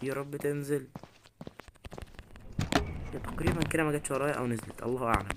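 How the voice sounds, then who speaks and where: Egyptian man, horror game commentary, mid-pitched, jittery mutterer, loud background noise. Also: fast. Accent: Egyptian Arabic. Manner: jittery, muttering prayers, sudden scared yelps. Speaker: gaming YouTuber.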